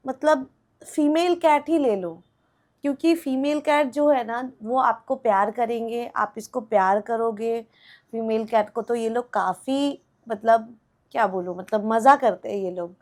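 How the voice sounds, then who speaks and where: A young woman vlogging at home, cooing at her cats and playfully scolding them while chatting to viewers. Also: a little high. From India. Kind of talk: casual vlog talk to pet cats and viewers.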